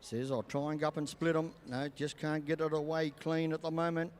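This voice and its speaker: An older Australian man commentating live over an arena PA, with folksy showmanship and drawn-out phrasing. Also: a little high, level tone. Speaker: campdraft commentator and announcer. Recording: echoing arena PA, long reverb.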